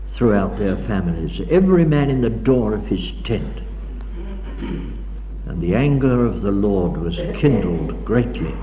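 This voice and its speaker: A preacher with a fairly low, warm voice gives an evening address in a lecture hall, reading scripture aloud in a dramatic, declaiming style. It comes from an old 1960s tape recording with the highs cut off and slight background noise.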